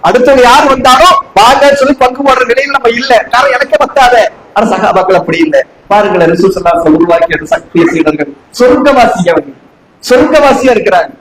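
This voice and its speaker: A man's voice: very high-pitched, quick pace, a crowd in the background. A man from Tamil Nadu preaching a sermon to a congregation, asking them rhetorical questions again and again. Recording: echoey room with faint background noise.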